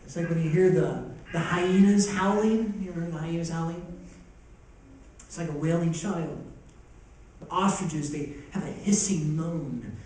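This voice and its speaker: A man's voice: on the high side, unhurried, darkish tone, very echoey, distant mic, a little hiss or hum, poor audio. A man preaching a sermon as pastor, with impassioned, rising and falling intensity. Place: church sanctuary.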